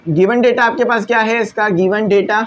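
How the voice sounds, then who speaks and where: A man's voice: high-pitched, fairly even intonation. A man, a physics teacher giving a lecture, explaining with everyday examples and often checking that students follow. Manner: reads English textbook lines slowly and deliberately. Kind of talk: classroom lecture on video.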